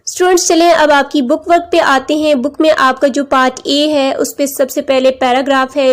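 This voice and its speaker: A woman English teacher giving a pronunciation lesson, slowly drawing out example words and speaking straight to her students. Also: high-pitched, rough recording. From Pakistan. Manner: mixes Hindi-Urdu with English, addresses students directly. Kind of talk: classroom lesson explaining pronunciation.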